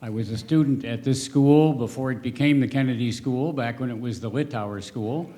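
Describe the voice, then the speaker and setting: A man's voice: mid-range voice, warm tone. Older man asking a formal question. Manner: formal, deliberate. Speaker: audience member asking a question.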